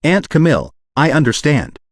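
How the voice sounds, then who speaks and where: A machine-generated male voice reading the lines of a calm, resolute young female knight and ruler in a storybook audiobook. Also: a little high, moderate pace, no echo, clean studio sound. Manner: calm and composed, in a flat synthetic read.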